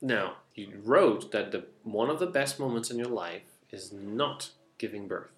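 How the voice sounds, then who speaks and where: A woman with a very deep voice interviews a guest and answers in short, encouraging remarks. The room adds a noticeable echo. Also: expressive, unhurried. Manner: brief, encouraging replies.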